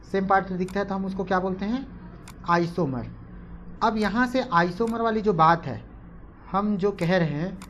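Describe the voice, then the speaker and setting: A woman's voice: medium pitch, a little hiss or hum. A woman teaching a chemistry class online, mixing English terms in and repeating questions to the class before answering them herself. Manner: repetitive, asks and answers her own questions; mixes English terms into speech.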